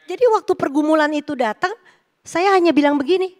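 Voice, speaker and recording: High-voiced middle-aged woman preaching. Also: brisk. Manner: lively, joking storytelling with the congregation. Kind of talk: sermon. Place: church service.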